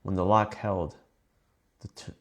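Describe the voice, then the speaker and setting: Deep gravelly man narrating horror. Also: fairly even intonation, unhurried. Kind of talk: scripted first-person horror narration.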